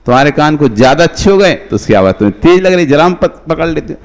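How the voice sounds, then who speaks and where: A monk delivers a sermon in a high, light voice. He keeps it conversational, putting rhetorical questions to the listeners and calling on them by name. His voice rings out with a long reverb, as in a large hall. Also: animated, fast. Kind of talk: devotional sermon.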